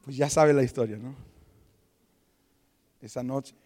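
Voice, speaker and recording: A man's voice: mid-range voice, a little slow. A man preaching a sermon, telling a personal testimony and acting out the voices of the people in it. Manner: animated storytelling with quoted voices. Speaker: pastor.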